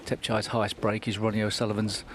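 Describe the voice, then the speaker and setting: Male snooker commentator, fairly low pitch, measured and analytical, faint background noise. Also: level tone.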